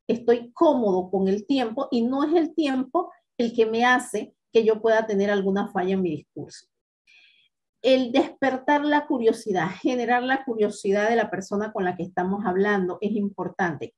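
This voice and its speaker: A woman with a voice a little above the usual pitch gives an instructional talk to students about public speaking. She guides them step by step in an encouraging tone, often pausing with hesitant fillers as she searches for words. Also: a little mellow. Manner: methodical, encouraging, with frequent hesitations.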